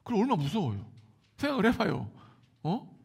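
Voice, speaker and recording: Gravelly-voiced Korean pastor preaching with fervor. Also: male voice, high-pitched, brisk. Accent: Seoul Korean. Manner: lively preaching, swings from hushed whispers to loud exclamations. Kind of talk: Sunday sermon.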